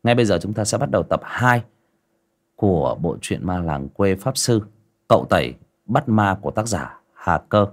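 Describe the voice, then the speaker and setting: A man narrates a rural ghost story on a livestream, his low voice gravelly with fry. His pitch rises and falls a lot as he leans into the tale, with hesitant restarts and repeated words along the way. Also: very animated, moderate pace.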